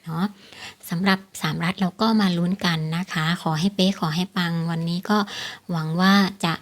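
A woman's voice: lowish voice, level tone, moderate pace. Woman host chatting through tips, repeating points. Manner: repeats points, often seeks agreement with polite particles. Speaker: lottery tips channel host. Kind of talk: casual explanatory vlog talk to viewers.

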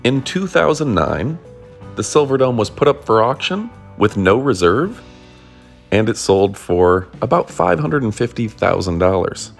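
A male host narrates a casual documentary, his pitch swinging up and down as he talks. He keeps it upbeat and drops jokey asides along the way. Faint guitar music plays underneath. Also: big pitch swings, measured pace, creaky. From Detroit area.

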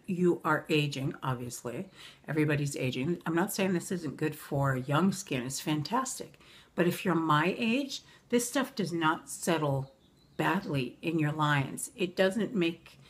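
A woman in her forties chatting casually about makeup in a rambling way, full of ums and self-corrections, recorded on a camera in her bedroom. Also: deep voice. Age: 40s. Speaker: beauty vlogger. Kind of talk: casual makeup review vlog. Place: bedroom at home.

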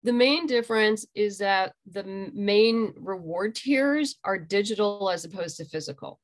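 With a mid-range voice and a measured pace, a middle-aged graphic novel creator appears as an interview guest, explaining things in a conversational way. She's on a video call from a room at home, using the computer microphone.

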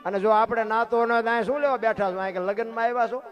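A man giving a lively, preachy folk storytelling talk at a dayro. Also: very high-pitched, very fast, lo-fi sound, soft background music. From Surendranagar, Gujarat. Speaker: folk literature speaker.

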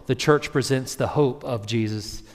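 Speaking at a measured pace with a medium-pitched voice, this man is a pastor giving a relaxed, conversational sermon and voicing short characters in his story. The church sanctuary adds long, hall-like reverb to the recording.

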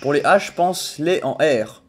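Male streamer host, high-pitched, casual chat with cursing and over-the-top mock despair. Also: expressive, a little slow, faint music behind. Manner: playful, jokey, swears freely; theatrical outbursts and mock lamenting.

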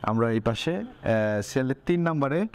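A man's voice: medium pitch, sing-song, moderate pace, darkish tone, clean tone. Brief: male host, mid-range voice, easygoing questions on a farm visit. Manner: asks questions, nods along with "accha, accha". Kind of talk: casual on-site interview. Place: cattle farm.

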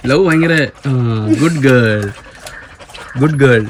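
A man's voice: medium pitch, slow pace, a crowd in the background. A man vlogging casually, teasing and chatting to his pet dog.

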